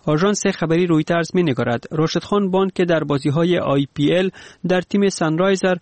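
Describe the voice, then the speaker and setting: A man's voice: a little high, a little mellow, dry recording. A man reading scripted sports news, sometimes restarting his sentences.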